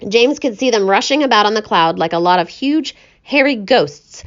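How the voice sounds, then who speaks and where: A woman narrating a children's story aloud in an expressive, animated way. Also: mid-range voice, normal speed, lo-fi sound.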